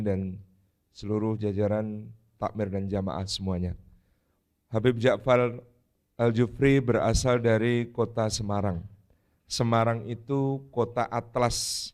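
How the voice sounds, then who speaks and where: A man's voice: mid-range voice, darkish tone. A man preaching at a mosque gathering and teasing with puns. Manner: wordplay-heavy, teasing. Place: mosque hall.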